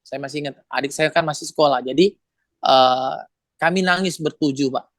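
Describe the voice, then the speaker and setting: A man shares a family testimony with the host, his voice sitting a little high. He talks in a lively way and laughs often. The sound is dry and close, with no room echo. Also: normal speed. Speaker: guest giving a testimony. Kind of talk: emotional storytelling.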